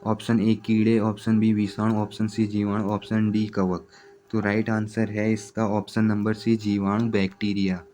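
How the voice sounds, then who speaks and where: Low, monotone male tutor reading test questions and options, faint music underneath. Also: normal speed. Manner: steady, repetitive question-by-question reading. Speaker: exam prep teacher. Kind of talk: reading exam questions and answers.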